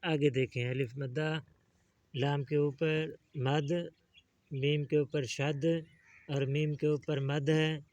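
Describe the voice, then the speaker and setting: A man teaching a child to read the Quran in a one-on-one lesson. He is patient and coaxing, and drags out each letter name slowly when he models it. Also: a little high, flat delivery, a little mellow, dry recording, dull audio. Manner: patient, coaxing, calls the student "beta".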